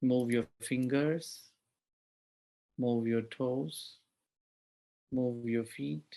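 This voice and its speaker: A man leading a guided meditation, giving soft, measured instructions with long pauses. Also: medium pitch, steady tone, vocal fry, poor audio.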